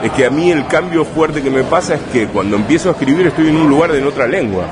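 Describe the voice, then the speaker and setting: In a crowded, noisy bar with street traffic outside, a male writer from Rosario, Argentina, chats through a casual interview in his Rosario Spanish accent. His fairly high voice is animated, yet his thoughtful speech halts, restarts and leans on tag questions, with crowd chatter and vehicles behind him.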